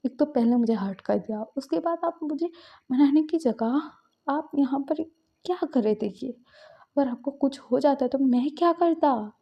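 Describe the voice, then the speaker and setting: A woman's voice: on the high side, moderate pace, creaky. A woman voicing an upset young man in a storybook romance, reproachful and pleading in a lifted voice. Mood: scolding, frantic. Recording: dull lo-fi recording.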